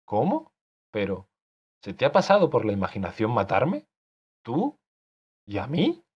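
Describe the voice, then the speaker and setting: Man doing a low, husky irritable author who scolds sharply; dull lo-fi audiobook sound. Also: expressive, measured pace. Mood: indignant. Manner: exasperated, scolding. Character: irritable older male author scolding his creation. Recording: dull lo-fi recording.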